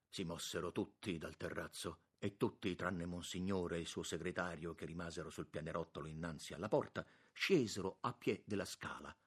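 A man reading a literary novel aloud in a measured, expressive narration. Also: deep voice, slightly rough. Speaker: audiobook narrator.

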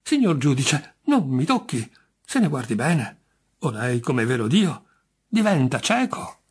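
A man's voice: a little high, animated, measured pace, pitched above the performer's own voice. A man reading aloud and voicing a touchy, grim middle-aged man branded a jinx, indignant and insistent. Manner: indignant, insistent, sharply emphatic.

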